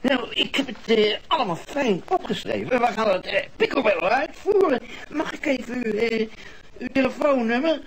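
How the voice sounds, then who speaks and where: A man's voice: very high voice, moderate pace, slightly rough, exaggerated voice, low-quality recording. A man playing a glib con-man handyman. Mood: wheedling. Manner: glib, salesman patter, ends phrases with "hè". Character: smooth-talking male con man posing as handyman. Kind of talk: radio play acting.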